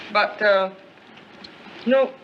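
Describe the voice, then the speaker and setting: An actress playing a witty, restless rich sister in a 1930s film comedy, with an arch, teasing, mock-pompous delivery. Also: female voice, medium pitch. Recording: muffled, noisy 1930s film soundtrack.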